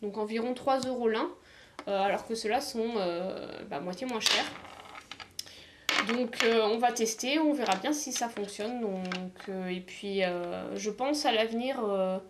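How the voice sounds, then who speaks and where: Woman from southern france doing a casual makeup haul, lots of ums and restarts, kinda high voice. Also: a little slow, background noise. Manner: hesitant, many fillers and restarts. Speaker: beauty vlogger. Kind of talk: casual haul video chat.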